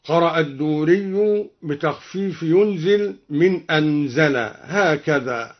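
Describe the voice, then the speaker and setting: Slow scholarly guy explaining quran readings, chants the examples, muffled old radio sound. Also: on the high side. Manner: measured, scholarly, slips into melodic chant for quoted verses. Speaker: Quran recitation teacher.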